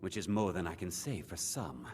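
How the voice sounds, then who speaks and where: An actor voicing a shrewd, self-assured male elf trader in a video game, with measured sales patter. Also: deep voice, lively intonation, a little mellow, breathy edge. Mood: smooth, guarded. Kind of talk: video game character acting.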